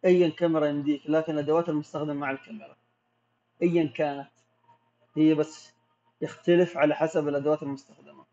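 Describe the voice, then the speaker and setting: Gulf-accented man, a bit high-pitched, reads questions aloud and explains calmly; dull, lo-fi recording. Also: rapid-fire. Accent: Gulf Arabic. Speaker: macro photographer answering viewer questions. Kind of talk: casual live Q&A. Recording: dull lo-fi audio.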